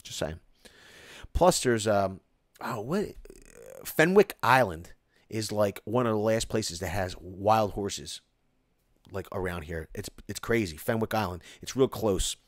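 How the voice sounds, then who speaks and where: Excitable Philly guy reading live chat. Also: fairly low pitch, measured pace, no room sound, clean studio sound. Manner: excitable, rambling, many restarts and "like". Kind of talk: casual live-stream chat. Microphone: close mic, home live stream.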